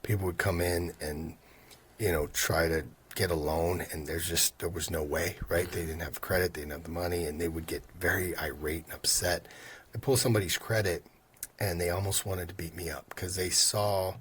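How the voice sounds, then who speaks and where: A man's voice: low-pitched, moderate pace, breathy edge. A man in his fifties, a mortgage lender guest, telling work stories and acting out what customers said. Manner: animated storyteller who acts out quoted customers. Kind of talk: casual storytelling interview.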